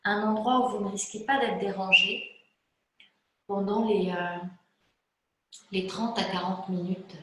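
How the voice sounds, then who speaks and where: Woman, yoga teacher, calm and hesitant, very slow, strong room echo. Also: medium pitch. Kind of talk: spoken yoga class introduction. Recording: very echoey room.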